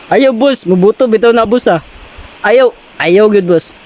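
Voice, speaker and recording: A man's voice: high-pitched, unhurried, a little mellow, poor audio. A man performing a comedy skit, teasing his partner and repeating his words for laughs.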